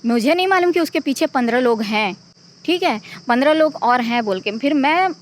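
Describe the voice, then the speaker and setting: A woman's voice: high voice, animated, a little fast, slight background noise. A middle-aged woman, the mother of a victim, giving an urgent, pleading eyewitness account in a news interview.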